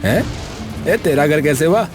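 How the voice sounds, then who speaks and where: Man doing a slow, swaggering cartoon bully over clear music. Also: fairly high pitch, expressive. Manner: rude, bullying. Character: greedy bullying man, cruel son.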